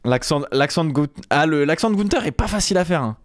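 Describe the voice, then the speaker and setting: A man's voice: a little high, lively intonation, fast talker, dry recording, studio quality. A man chatting casually on a live stream, rambling with many fillers and restarts.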